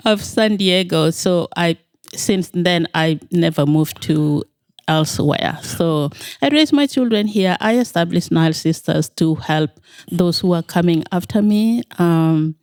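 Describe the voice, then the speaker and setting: A middle-aged woman from South Sudan speaks as an interview guest, slowly and with frequent pauses and fillers. Her voice is smooth and clear, sitting a little low. The studio recording is dry. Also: a little mellow, no room sound. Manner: measured, hesitant with many fillers. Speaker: nonprofit founder, guest. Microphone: studio microphone.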